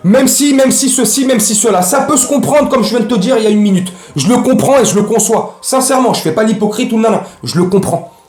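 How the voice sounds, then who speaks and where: A man's voice: high voice, expressive, fast, a little mellow, echoey room. A man hosting a casual football fan vlog, ranting in slangy, rambling speech. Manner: slangy, heated, rambling with restarts.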